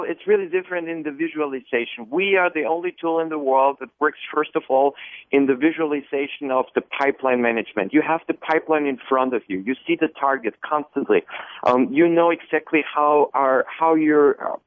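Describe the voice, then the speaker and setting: A man's voice: on the high side, dry recording. An Austrian-accented man calls in as a radio guest, his voice squeezed thin by a narrow phone line with no room sound at all. He talks eagerly at length, stacking ums and restarting his sentences. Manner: long, enthusiastic answers with many fillers and restarts. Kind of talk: radio interview answers.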